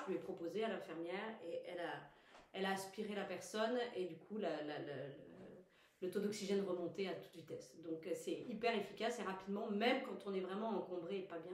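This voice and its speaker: A woman leading a guided self-massage lesson, giving calm step-by-step instructions and explaining as she goes. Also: medium pitch. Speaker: wellness instructor. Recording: roomy echo.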